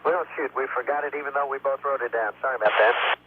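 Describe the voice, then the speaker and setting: A man commanding a spacecraft, giving brisk, clipped callouts over a crackly air-to-ground radio transmission. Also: mid-range voice, fairly even intonation. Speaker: shuttle crew commander. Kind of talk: terse radio procedure talk. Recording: noisy phone-like radio downlink.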